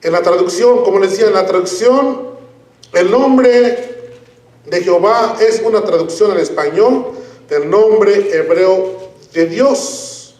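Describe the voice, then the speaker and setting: High-voiced man preaching slowly in an echoey church. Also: darkish tone. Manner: slow, deliberate Bible teaching with emphatic stresses. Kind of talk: sermon. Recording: echoey room, mic at a distance.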